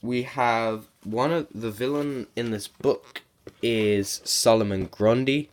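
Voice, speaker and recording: A man's voice: mid-range voice, takes it slowly. A man with a sore throat and sniffles giving a casual, rambling video review as a comic book reviewer.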